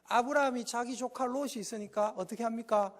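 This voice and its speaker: A male pastor with a Gyeongsang Korean accent preaching a Sunday afternoon sermon in a folksy, animated way, prompting the congregation to answer. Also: very high voice, fairly quick. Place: church sanctuary. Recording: reverberant church hall.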